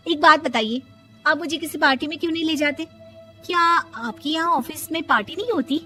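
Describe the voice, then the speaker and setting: A woman's voice: high voice, brisk, music in the background, pitched above the performer's own voice, close to an everyday voice. A woman voicing a proud, devout young daughter-in-law in a Hindi cartoon family drama, with a sassy, self-assured way of talking. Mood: questioning.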